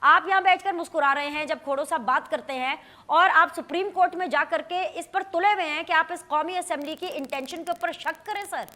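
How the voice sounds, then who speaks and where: A woman's voice: very high voice, brisk, few pauses, pushed and bright. A woman with a Pakistani Urdu accent hosting a news talk show, putting pointed, pressing questions to a guest.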